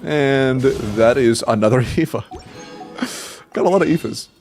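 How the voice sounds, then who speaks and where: A young man with a mid-range, slightly mellow voice takes his time, soft background music playing. While streaming a game he chats casually with viewers, sounding stuffy and congested, rambling with restarts, swearing casually and laughing.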